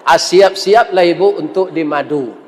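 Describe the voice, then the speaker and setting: A man's voice: fairly high pitch, a little slow, darkish tone, long reverb tail, a little hiss or hum. A man with a Minangkabau accent giving a humorous sermon, joking and asking the audience questions. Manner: jokey, questions the audience, acts out quotes. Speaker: preacher.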